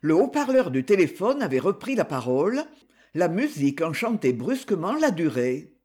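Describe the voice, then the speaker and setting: A man reads an audiobook in a measured, literary way. His voice is high and swings widely in pitch. He speaks slowly, with a slightly husky edge. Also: big pitch swings, darkish tone. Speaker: narrator. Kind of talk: scripted audiobook narration.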